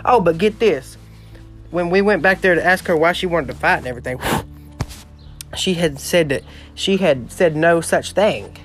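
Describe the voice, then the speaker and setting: A late-teen man from southeast Missouri hosts a podcast from his outdoor porch, telling a story in a casual monologue that's dramatic, exclamatory, and gossipy. His voice is fairly high and his speed normal, with long pauses and soft music playing behind him.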